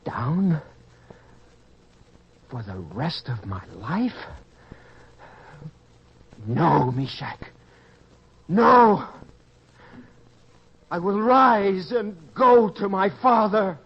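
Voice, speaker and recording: An actor playing a humbled young prodigal son, earnest and pleading, in an old-time radio drama style. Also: male voice, high voice, lively intonation, very slow, pauses often, slight background noise, exaggerated voice. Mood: anguished, resolute. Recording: dull, lo-fi radio-style recording.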